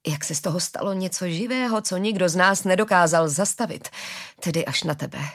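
A woman reading a gentle forgiving father. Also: on the low side. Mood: earnest.

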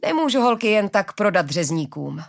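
A woman voicing a kind, motherly old herder woman who speaks slowly and gently in a storybook reading. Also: very animated, gravelly. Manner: slow, gentle, low.

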